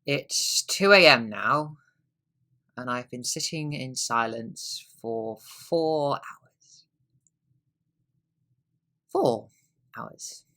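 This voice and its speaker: A young student actor playing a weary, brooding middle-aged husband in a stage monologue, wry and rueful, trailing into quiet asides. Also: male voice, mid-range voice, full character voice. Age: young adult.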